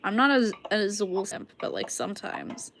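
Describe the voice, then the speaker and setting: Young woman, sick and coughing, rambling casual stream chat, mid pitch, clear background clicks. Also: wildly swooping pitch, normal speed, noisy background. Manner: rambling, filler-heavy, frequent "like".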